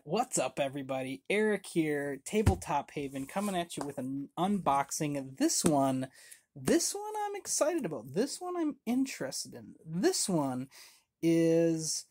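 This board game channel host, a man in his thirties, has a slightly high, husky, somewhat mellow voice. He does a casual unboxing on a webcam at home, surrounded by game shelves, rambling and self-deprecating, with frequent fillers and restarts.

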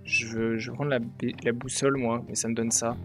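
A man's voice: mid-range voice, level tone, fast talker, faint music behind. A young man giving casual live gameplay commentary as a streamer, into a close mic. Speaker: game streamer.

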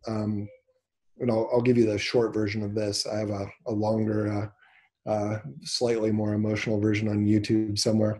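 A man's voice: fairly low pitch, breathy edge. A man from Nebraska, a business owner, talking in a casual interview and telling a personal story, acting out the dialogue as he goes. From Nebraska, USA. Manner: animated storyteller, acts out quoted dialogue.

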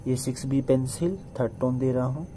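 A man teaching a pencil shading lesson step by step, calmly repeating instructions to his students. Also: mid-range voice, fairly quick, a little hiss or hum. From India. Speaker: drawing teacher. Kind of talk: step-by-step art tutorial.

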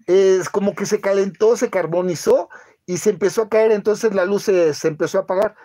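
A man, hosting a casual live-stream chat and telling a halting story full of fillers. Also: high-pitched, mellow. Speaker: channel host.

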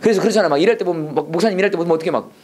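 A man's voice: high-pitched, rapid-fire, a little mellow, husky. A middle-aged man teaching a Bible and English class, lecturing emphatically and leading students in call-and-response repetition. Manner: emphatic, preachy, drills phrases for repeating.

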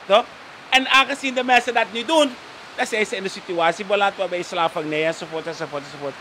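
This guest commentator on a live interview show is a man with a Surinamese Dutch accent who talks fast in a high-pitched, sharp voice. Almost every sentence ends with a questioning "toch?", and Sranan phrases get mixed in. There's slight background noise.

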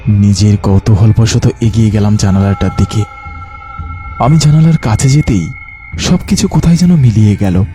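A man's voice: on the low side, normal speed, dark tone, faint music behind. A man narrating a dramatized first-person ghost story in an earnest, dramatic way.

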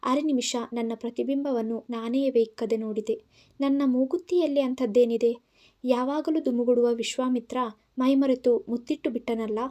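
A woman's voice: on the high side, steady tone, moderate pace, mellow. A woman narrating an audio story in Kannada-accented speech, voicing the characters' lines herself.

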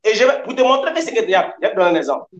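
A man's voice: sits high, sing-song, very fast, dull audio, a little hiss or hum. A man debating heatedly, combative and emphatic, hammering his points by repeating them. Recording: echoey room sound.

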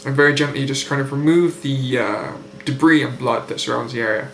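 For his recovery video diary, a young British adult speaks with a medium-pitched, slightly bright voice that is nasal from a blocked nose after surgery. His manner is articulate, precise and unhurried. He is recorded at home beside a window on a closely framed built-in webcam mic, with room echo and a faint hum.

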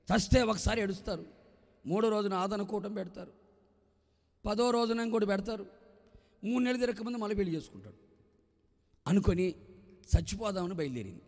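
A male pastor delivers a storytelling sermon, animated and often rising to fervent shouts. His voice sits high for a man. A long hall reverb hangs on every phrase. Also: brisk, long pauses. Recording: echoey live hall reverb.

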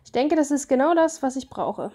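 A woman voicing a young female singer, the heroine of a story game, reading her lines in a plain, even way. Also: high-pitched, a little fast, faint music behind. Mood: pleased.

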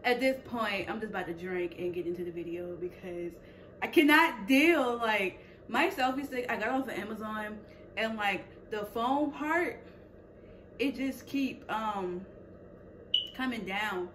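A woman hosting her own drinks channel in a chatty, animated way, out of breath, recorded on a phone propped up at home. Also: mid-range voice, unhurried, far from the mic, slight background noise, rough recording. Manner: chatty and animated, breaks into laughter. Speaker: drinks vlogger. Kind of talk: casual chat. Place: home apartment. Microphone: phone on a makeshift stand.

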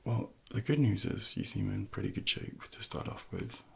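Speaking right up against the microphone, a thirty-something man gently voices a personal trainer for ASMR. His tone is soft, breathy, low and gravelly, and he takes his time with tentative pauses.

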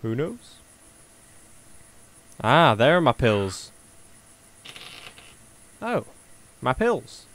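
A man's voice: mid-range voice, sing-song, drawn-out words, pauses often, fairly bright tone. A man giving chatty, jokey let's-play commentary as he plays a spooky game, talking to himself. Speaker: gaming youtuber.

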